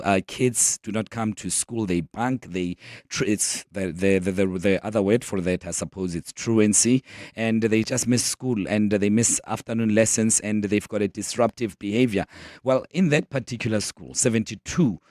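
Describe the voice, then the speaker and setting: A South African man with a croaky, hoarse frog voice, chatting casually and haltingly as a radio talk show host. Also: on the low side, a little mellow, dry recording, studio quality. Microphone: close studio broadcast microphone.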